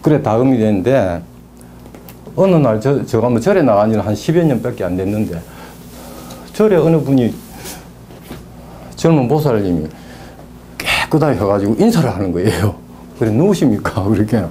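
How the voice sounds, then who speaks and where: A man's voice: fairly low pitch, sing-song, normal speed, long pauses, warm tone, a little hiss or hum. A middle-aged man with a Gyeongsang Korean accent, telling stories from his work as a naming consultant in casual talk. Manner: storytelling with rambling asides.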